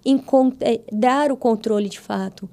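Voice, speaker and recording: High, gravelly Brazilian woman telling a testimony. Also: a little slow. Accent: Brazilian Portuguese. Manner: animated, acts out quoted dialogue with her voice. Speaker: podcast guest. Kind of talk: testimony storytelling in a casual interview.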